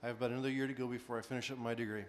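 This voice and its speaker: A man answering as a panelist in a brisk, matter-of-fact way. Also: mid-range voice, level tone, slight background noise. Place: conference hall.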